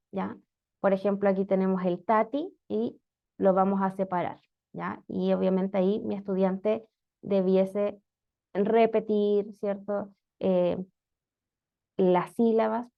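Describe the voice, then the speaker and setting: A woman's voice: mid-range voice, vocal fry. A woman giving an online lecture on teaching reading, explaining step by step and often checking in with "¿ya?". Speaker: special education instructor. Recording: muffled lo-fi audio.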